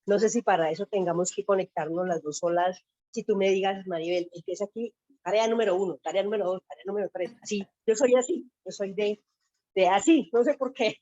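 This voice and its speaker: A woman talking excitedly and emotionally about her faith on a video call from her office. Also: medium pitch, fairly quick, no room sound, highs cut off. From Colombia. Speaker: caller sharing testimony. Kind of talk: emotional personal testimony. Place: home office.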